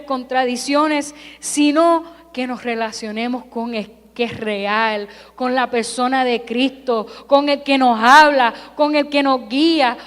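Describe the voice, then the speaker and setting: A California-raised woman preaches a Sunday sermon from the pulpit, piling up emphatic parallel phrases one after another. Her voice is high and she takes her time. The church sanctuary lends a long reverb to the sound.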